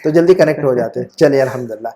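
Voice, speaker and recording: Over a video call, a man gives a one-on-one online Arabic grammar lesson in a mellow, medium-pitched voice. He is patient and frequently asks check questions to make sure his student is following.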